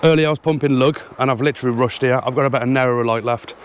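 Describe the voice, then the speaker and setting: A man's voice: mid-range voice, steady tone, very fast, slight background noise. Slightly breathless man chatting outdoors. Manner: chatty, hesitant, lots of ums. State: a little out of breath. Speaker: fishing vlogger. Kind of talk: casual talk to camera. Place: outdoors in a field. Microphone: action camera.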